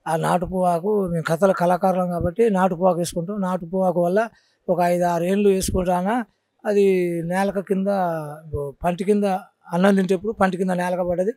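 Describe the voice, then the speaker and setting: A man with a Telangana Telugu accent, a folk storyteller, shares his experience with cancer during a relaxed interview, circling back to the same points with sincerity. He speaks briskly in a high, level, slightly mellow voice, with no echo.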